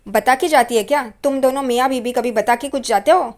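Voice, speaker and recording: A woman voicing a sharp-tongued middle-aged mother who snaps at her family, in a spoken recap of a TV serial. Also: sits high, fairly quick. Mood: scornful.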